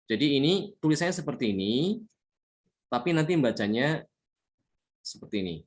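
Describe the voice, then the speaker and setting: A man teaching a tajwid lesson, explaining patiently, repeating points and slowly chanting Arabic examples. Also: medium pitch, sing-song. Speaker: Quran recitation teacher.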